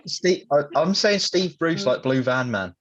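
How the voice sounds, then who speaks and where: A man's voice: fairly high pitch, lively intonation, unhurried. A young man co-hosting a casual podcast, dropping dry quips and laughing. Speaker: podcast co-host. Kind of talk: casual chat. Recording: distant, dull, very noisy call audio.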